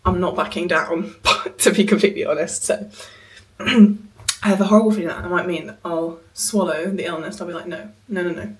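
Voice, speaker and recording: A woman's voice: on the low side, fairly even intonation, a little fast, roomy sound, distant mic, low-quality recording. A young woman in a casual vlog to camera, sounding ill with a cough and short of breath, chatty and frustrated but determined. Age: young adult. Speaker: vlogger. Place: indoors at a holiday home.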